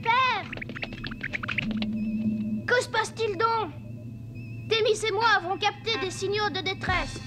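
A woman's voice: very high-pitched, slow, long pauses. A woman voicing an earnest, curious young boy in a cartoon dub, direct and inquisitive. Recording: music behind.

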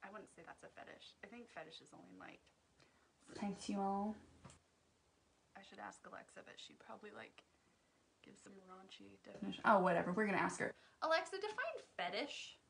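A woman talks through a makeup tutorial from her home, streamed live. She chats loosely and cracks jokes at her own expense. Her voice sits at an ordinary middle pitch. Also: fairly even intonation, fairly quick, gravelly, pauses often. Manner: chatty, joking, laughs at her own jokes. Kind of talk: casual livestream makeup tutorial.

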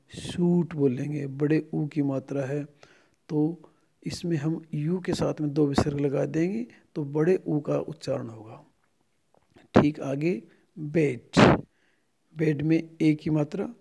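A middle-aged Indian man teaching a phonetics lesson, speaking slowly and drilling each word over and over. His voice is a touch high for a man, yet mellow and dark in tone. He speaks as a native Hindi speaker with an Indian accent. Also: vocal fry, slightly rough. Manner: slow and repetitive, drilling each word aloud several times. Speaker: English lecturer. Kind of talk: phonetics lesson explaining vowel symbols.

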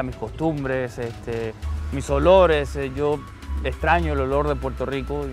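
Earnest, hesitant man from Argentina. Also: a little high. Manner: earnest, reflective, many hesitations and restarts. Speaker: interview guest. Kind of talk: conversational interview. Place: outdoors.

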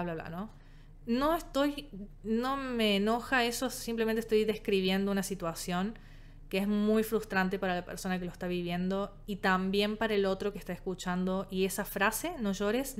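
A woman psychologist with a Rioplatense Spanish accent talks straight to her viewers in a casual, emphatic way. Her voice is smooth and resonant at a middle pitch, and she slips into little acted-out versions of what other people say. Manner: animated, emphatic, acts out quoted phrases. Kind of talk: casual talk to camera.

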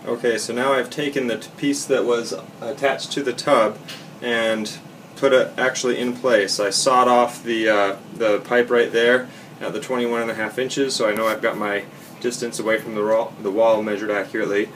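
A man's voice: medium pitch, flat delivery, moderate pace, fairly bright tone, a little hiss or hum. A young man giving a casual step-by-step how-to in an unfinished basement bathroom, explaining plainly with fillers and corrections, recorded on a handheld camera mic. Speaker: DIY instructor. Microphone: camera mic, filming handheld and close.

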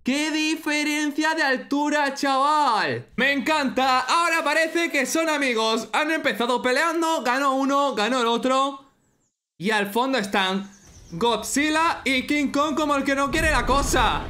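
A young man with an accent from Spain, giving excited, exclamatory reaction commentary as an anime fan. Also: very high-pitched, unhurried. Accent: Spanish from Spain. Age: young adult. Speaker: reaction video host.

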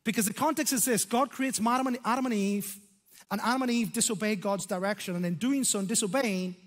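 A man in his fifties from Ireland with an Irish accent, preaching a sermon on a church stage through a headset mic, animated, with slow, dramatic emphasis on key words. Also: sits high. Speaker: pastor. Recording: long hall reverb.

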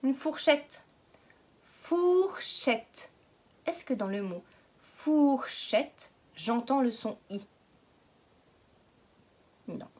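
Woman, kindergarten phonics teacher; high, unhurried, patient, exaggerated enunciation. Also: expressive, a little mellow, breathy edge. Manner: slow, exaggerated word pronunciation; patient, questioning. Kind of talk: phonics lesson for young children.

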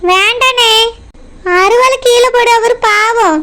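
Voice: very high voice, fairly even intonation, slow, sharp tone, slight background noise, exaggerated voice. A woman voicing a tearful young married sister in a village cartoon, with a Tirunelveli Tamil accent. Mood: pleading. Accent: southern Tamil Nadu (Tirunelveli). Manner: tearful, pleading. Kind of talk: cartoon voice acting.

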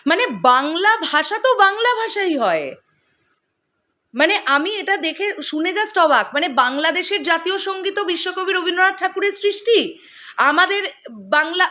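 A young woman from West Bengal with a Kolkata Bengali accent, giving casual commentary to camera in an animated, questioning way. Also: very high-pitched. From West Bengal, India. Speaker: content creator.

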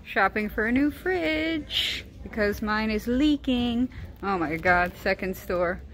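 A woman's voice: mid-range voice, lively intonation, slow pace, fairly bright tone. Chatty woman vlogging to her phone. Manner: chatty, exasperated storytelling. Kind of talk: casual vlog talk to camera. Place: outdoors and at home, varied. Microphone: phone camera held at arm's length.

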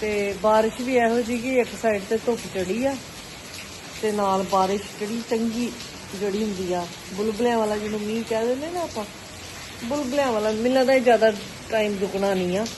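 A woman with a Punjabi accent chatting casually to her channel as a vlog host, repeating herself in an expressive, exclaiming way. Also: a little high, fairly quick. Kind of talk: casual home vlog narration. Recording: noisy, rain sound behind the voice. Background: rain falling.

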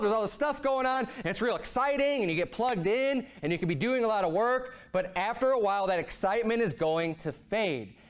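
A man with a fairly high voice preaches from a church pulpit, speaking earnestly and conversationally, often restarting his sentences. He sounds like a pastor in his thirties addressing his congregation, picked up on a pulpit mic. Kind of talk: sermon.

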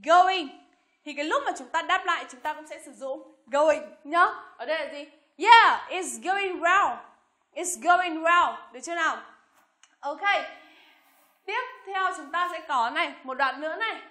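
A young woman teaching an English lesson, slowly repeating each phrase and then explaining it. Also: high-pitched, sharp tone. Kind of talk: bilingual language lesson.

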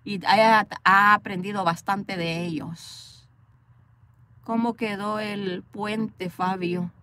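Speaking slowly in a steady, bright and forceful medium-pitched voice, a Salvadoran-accented woman from El Salvador chats with live viewers from inside a parked car. The phone recording has a little hiss or hum, and she reads viewer comments, laughs often, jokes and talks back to commenters.

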